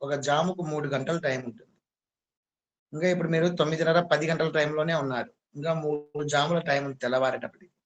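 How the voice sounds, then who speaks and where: A man voicing a wise talking parrot that calmly counsels a king, told in a storytelling discourse. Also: on the high side, fast, natural voice. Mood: earnest.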